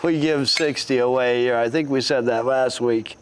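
A man's voice: medium pitch, fairly even intonation, normal speed, smooth. A man hosting a casual podcast interview. He laughs easily and teases his guest. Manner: laughs easily, teasing and friendly. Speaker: podcast host.

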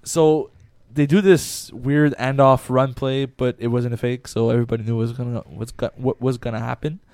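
A man's voice: mid-range voice, steady tone, moderate pace, a little mellow, no echo. A man in a casual sports chat, rambling through a game story with restarts and casual swearing. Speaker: podcast co-host.

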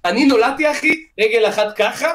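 A young man in casual podcast chat, swearing often and telling a personal story with animated energy. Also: very high-pitched. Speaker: podcast guest streamer.

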